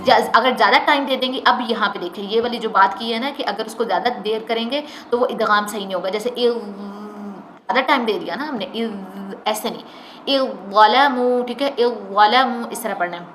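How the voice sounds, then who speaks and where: A woman teaching a Quran recitation lesson, explaining the rules and slowly modelling the recited words again and again. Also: medium pitch, fairly bright tone. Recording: echoey room with faint noise.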